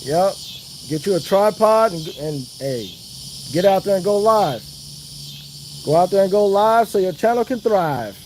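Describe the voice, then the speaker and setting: A chatty man talks to his livestream viewers from a fishing spot outside. His voice sits high for a man, and there is faint outdoor noise with crickets and insects behind him. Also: lively intonation, measured pace, a little mellow. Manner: chatty, hypes up viewers, Southern slang. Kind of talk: casual livestream chat. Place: outdoors by the water.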